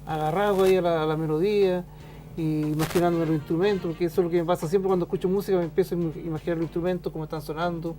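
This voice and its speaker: A middle-aged man with a Chilean accent, a teacher chatting on a talk show, thoughtful and pausing often. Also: on the high side, steady tone, dark tone, faint music behind. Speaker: show host and school teacher. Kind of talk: casual conversation on a talk show.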